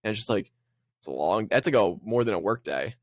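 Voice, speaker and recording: A young man on a casual podcast, telling his story quickly and matter-of-factly. His voice sits a bit low. The sound is dry and close to the mic. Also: expressive, no echo. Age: young adult. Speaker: podcast co-host. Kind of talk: casual chat.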